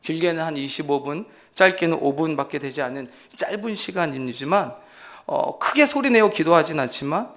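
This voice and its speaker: A man's voice: a little high, creaky, fairly bright tone. A man, an associate pastor, preaching a sermon emphatically and asking his congregation rhetorical questions.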